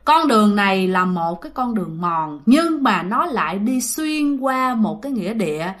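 A woman with a Southern Vietnamese accent tells a ghost story chattily, talking straight to her listeners. Her mid-range voice is very animated and moves at normal speed.

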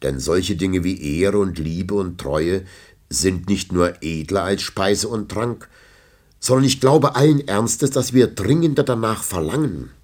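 A man's voice: low-pitched, breathy edge, voice pushed up, heavily acted. A man voicing a stern old nobleman who lectures in a solemn, sermonizing way in an audiobook.

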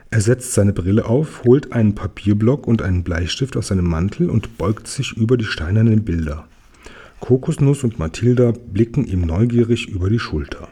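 A man calmly reading a children's book aloud, chapter by chapter. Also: on the low side, husky. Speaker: reader.

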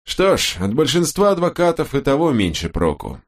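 Narrator guy doing a grumbly sarcastic cop, way higher than his own voice, mocking. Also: huge pitch swings, moderate pace, exaggerated voice. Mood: grumbling. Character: grumbling, sarcastic male police detective.

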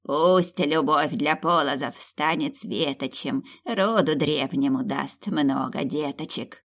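A woman voicing an old village grandmother witch who speaks slowly and chants spells in an audiobook. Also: sits low, creaky, a bit bright, heavily acted. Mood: chanting. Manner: slow, chanting incantations. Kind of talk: audiobook character voice.

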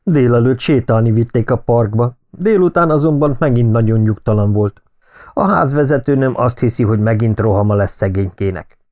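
A man's voice: medium pitch, a little mellow, close to an everyday voice. A man voicing a jovial older lord who teases and brushes off warnings. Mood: somber. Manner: teasing, good-humored.

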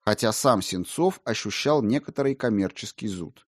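Guy reading an audiobook, lowish voice, dry close sound, steady. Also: normal speed, husky, no echo. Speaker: audiobook narrator. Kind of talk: scripted narration.

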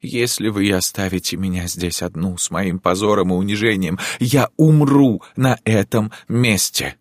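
A man's voice: fairly low pitch, moderate pace, dry recording, voice pushed up, close to an everyday voice. A man plays a passionate countess who pleads and insists with dramatic intensity, her voice lifted well above his own. The audiobook read is dry and close, with no room sound. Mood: imploring. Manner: dramatic, impassioned, imploring. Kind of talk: audiobook character reading.

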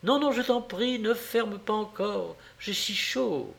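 A lively young wife, playful and quick to get excited, as a male reader puts her on. Her voice sits well up in pitch and the delivery is eager, with long, unhurried phrases. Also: creaky, heavily acted. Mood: pleading. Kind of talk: audiobook character reading.

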